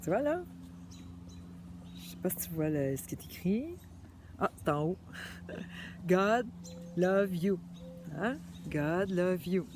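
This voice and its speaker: A woman's voice: fairly low pitch, takes it slowly, pauses often, background noise. Chatty Québécois woman talking to viewers. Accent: Québécois French. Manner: chatty, animated, talks straight to the viewer with frequent "là" and "hein". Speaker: vlogger. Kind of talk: casual monologue to viewers.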